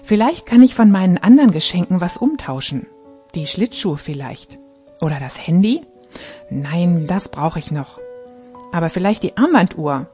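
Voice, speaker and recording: A woman's voice: fairly low pitch, big pitch swings, normal speed, dark tone, faint music behind. A woman reading the inner thoughts of an eager young girl in a storybook.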